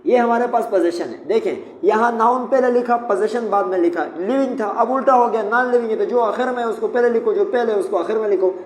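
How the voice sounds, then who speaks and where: A man's voice: high voice, fairly quick, hardly any pauses. A man teaching English grammar, patiently explaining each step and repeating key points. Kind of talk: classroom lesson at a whiteboard. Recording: echoey room, faint background noise.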